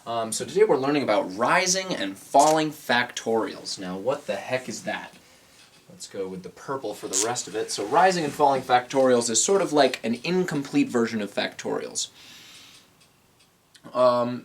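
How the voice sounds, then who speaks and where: A man's voice: medium pitch, animated, moderate pace, slight background noise. A man in his twenties teaching a casual on-camera math lesson, thinking aloud with many fillers and self-corrections. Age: 20s. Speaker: math channel host. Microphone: camera mic, on camera at a board.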